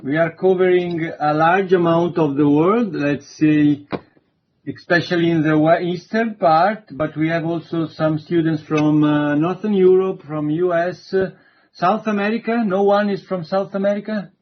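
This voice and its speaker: A man's voice: on the high side, fairly even intonation, dull audio. A man giving an online introductory university lecture, hesitant and full of fillers. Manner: slow, hesitant, many fillers.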